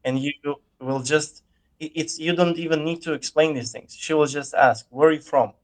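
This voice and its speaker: Man explaining things in measured chat. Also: a little high, steady tone. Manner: explanatory, measured, searching for words. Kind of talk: casual chat.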